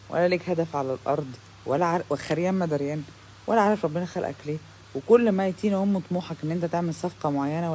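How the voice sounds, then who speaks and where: A woman's voice: deep voice, dark tone, slight background noise. A young woman with an Egyptian Arabic accent delivering a sarcastic, heated rant to the camera, slipping into English phrases now and then. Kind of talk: ranting monologue to camera.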